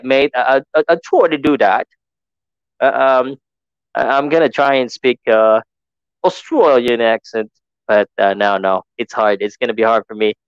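This Filipino-accented man from the Philippines hosts a podcast, chatting casually, switching between languages, and often using fillers and restarting sentences. His medium-pitched voice is clear and resonant. There's no echo, but the audio sounds dull.

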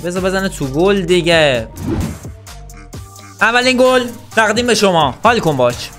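A man's voice: sits high, faint music behind. A man hosting a gaming channel, commentating his own online football match like a sportscaster and trash-talking his opponent. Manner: excitable, trash-talks the opponent; calls the play like a sportscaster.

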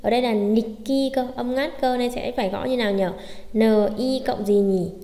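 A woman's voice: a little high, a little fast, mellow. Woman, language teacher, lesson explanation, asks and answers her own questions, reverberant room. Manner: asks questions then answers them herself. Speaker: Japanese teacher.

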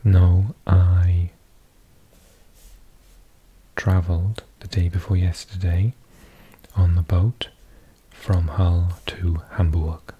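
A man whispering softly and unhurriedly as an ASMR host, reading aloud close to the mic. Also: low voice, level tone, muffled recording. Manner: soft, breathy ASMR whisper, slow and unhurried.

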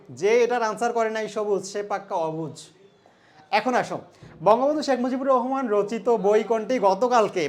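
A young man from Bangladesh walks students through an exam solution lesson. He talks in a loose, conversational way, keeps asking his listeners questions and drops in English terms as he goes. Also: sits high. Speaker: teacher.

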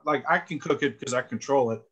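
A man's voice: medium pitch, brisk, husky, muffled recording. Chill guy cohost describing food, repeats stuff for emphasis, mid voice. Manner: relaxed, savoring, repeats words for emphasis. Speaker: co-host. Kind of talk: casual cooking chat.

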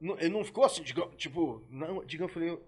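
A man's voice: a little high, expressive, rapid-fire, a crowd in the background. A middle-aged man, a rock musician, talking as a podcast guest in an emotional, heartfelt way, swearing freely and stumbling over repeated words. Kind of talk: emotional casual chat.

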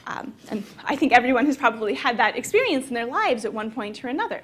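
A young woman gives a lively conference talk, her voice pitched high. She speaks in a relaxed, conversational way, with plenty of filler words as she explains her ideas. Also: quick pace, slight background noise. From American South. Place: conference hall.

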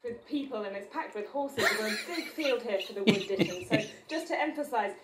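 A woman's voice: mid-range voice, a little fast. A woman presenting a live race-day paddock report outdoors, fighting back giggles as she talks. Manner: giggly, stifling laughter while presenting. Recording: live outdoor broadcast with crowd behind.

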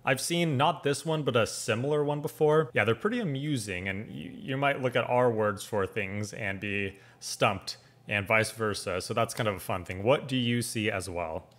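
A man's voice: medium pitch, normal speed, hardly any pauses, fairly bright tone. A man in his thirties with a standard American accent, giving casual, rambling and curious reaction commentary as a video host. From United States, West Coast. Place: small indoor room at home.

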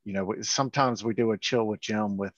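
A man co-hosting a casual webinar over a video call, halting and repeating words as he explains. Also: lowish voice, steady tone, dry recording. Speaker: company founder and co-host. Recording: muffled video call audio.

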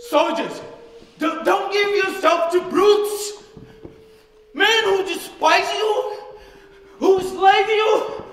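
A middle-aged man on stage delivering a theatrical, impassioned, shouted dictator-style ranting speech. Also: very high-pitched, extremely slow, pauses often. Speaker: stage performer reciting a speech. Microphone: distant camera microphone. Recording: echoey hall from far off, faint noise.

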